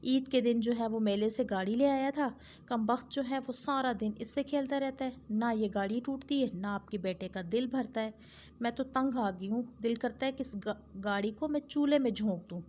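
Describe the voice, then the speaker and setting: A woman teacher voicing a fussy, nagging middle-aged wife who scolds and frets in a quick stream of complaints. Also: on the high side, darkish tone, a little hiss or hum, close to an everyday voice. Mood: scolding. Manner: scolding, fretful chatter.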